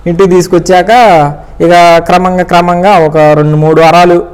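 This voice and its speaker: A man's voice: sits high, completely flat delivery, moderate pace, darkish tone, clear, resonant tone. A middle-aged man telling his personal faith testimony in an earnest storytelling manner. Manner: earnest storytelling, re-enacting pleading prayers. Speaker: church member giving testimony.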